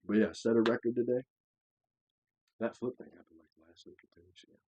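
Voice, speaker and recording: A man's voice: mid-range voice, fairly quick, noisy background. A young man hosting a casual podcast, telling stories with lots of swearing, acted-out quotes and laughter. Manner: animated storyteller, acts out quotes, swears, laughs often. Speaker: podcast host. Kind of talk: casual chat.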